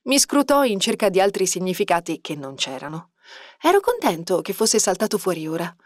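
Expressive woman reading an audiobook. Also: fairly low pitch, a little fast, no echo, clean studio sound. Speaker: audiobook narrator. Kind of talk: scripted narration.

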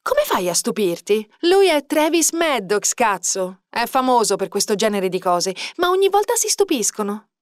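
Female reader voicing a fed-up young woman, shouty and sharp, dry close read. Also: fairly high pitch, big pitch swings, moderate pace, few pauses, no room sound. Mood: exasperated. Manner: exasperated, shouting out. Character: furious young woman friend, blunt and swearing.

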